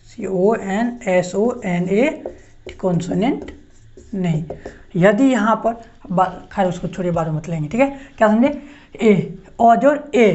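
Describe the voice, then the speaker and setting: A woman's voice: medium pitch, darkish tone. Woman teacher, repeats herself a lot, muffled lo-fi sound. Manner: repetitive, asks and answers her own questions. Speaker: English teacher. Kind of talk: classroom lesson explaining grammar. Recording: dull lo-fi sound.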